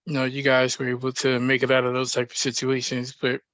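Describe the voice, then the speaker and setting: A man hosting a podcast, speaking in a reflective, measured way with frequent pauses and fillers. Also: medium pitch, monotone, a bit bright, no echo. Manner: reflective, measured, thinking aloud with many fillers. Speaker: podcast host. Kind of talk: casual podcast discussion.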